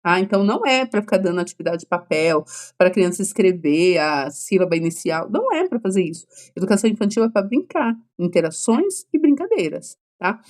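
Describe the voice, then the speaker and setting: A woman's voice: medium pitch, big pitch swings, a little fast, a little mellow. A woman with a Brazilian accent leads an exam-prep class with a mid-range voice. She explains at an easy, conversational pace and keeps checking in with short questions to her students. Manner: checks in constantly with "tá?" and "né?". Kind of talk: online exam-prep lecture.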